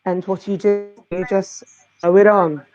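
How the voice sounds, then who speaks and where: A woman's voice: medium pitch, flat delivery, measured pace, darkish tone, faint music behind. Hesitant woman chatting, dull sound. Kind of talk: casual chat.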